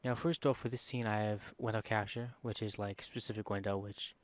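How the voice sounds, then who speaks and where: A streamer with a soft, quiet, slightly low voice talks through a screen-recorded software tutorial, rambling informally and leaning on fillers. He keeps stopping mid-phrase to correct himself, his intonation fairly even and his pace fairly quick, with no room sound.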